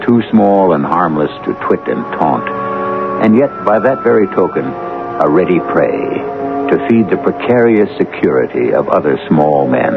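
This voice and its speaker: A very low, creaky man's voice narrates an old radio drama with dramatic, wry relish. Music plays behind him on a thin, lo-fi broadcast. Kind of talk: theatrical scripted 1970s radio narration. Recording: tinny 1970s radio broadcast.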